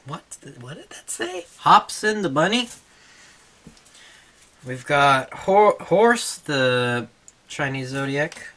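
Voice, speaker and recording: Guy at home going through his collection real slow, keeps laughing and talking to his dog, bright voice. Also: on the high side, very animated. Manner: chuckling, easily distracted, talks to his dog between items. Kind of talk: casual home video show-and-tell.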